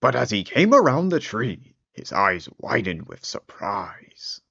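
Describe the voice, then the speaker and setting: Wry storyteller reading a funny fairy tale, very animated, gravelly creak, dull lo-fi sound. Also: medium pitch, unhurried, no room sound. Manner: theatrical, wry. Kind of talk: comic fairy-tale narration.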